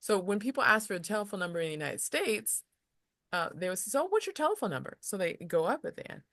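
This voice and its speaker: A woman's voice: medium pitch, animated, fast talker, a bit bright, no echo, clean studio sound. A woman casually explaining lesson material as a tutor, rambling a little with restarts and slipping into example voices.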